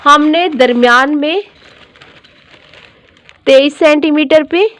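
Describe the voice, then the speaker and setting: A woman's voice: high-pitched, slow pace, fairly bright tone. A woman teaching a dressmaking tutorial, explaining each step patiently and repeating every measurement.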